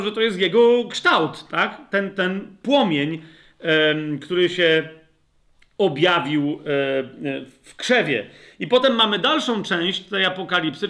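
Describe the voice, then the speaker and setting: Male Bible teacher, high voice, talks straight to the group, checks they follow, slows down on scripture. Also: bright, forceful tone. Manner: addresses listeners directly, asks checking questions; reads scripture aloud, slows down for emphasis. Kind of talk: Bible study lecture.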